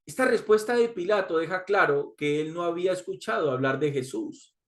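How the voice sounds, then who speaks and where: A man preaching a sermon in a high-pitched voice. He reads scripture aloud and repeats key lines for emphasis. He calls his listeners brothers. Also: fairly quick, fairly bright tone.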